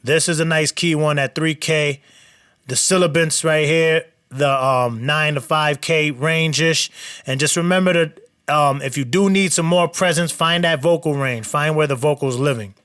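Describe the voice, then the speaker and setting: A nasal-voiced man, a mixing engineer who runs his own channel, walks through mixing in a laid-back screen-share tutorial from his studio. His pitch sits on the high side and his pace is moderate, with a smooth tone captured in a dry recording. He wanders a little as he explains, leaning on lots of fillers.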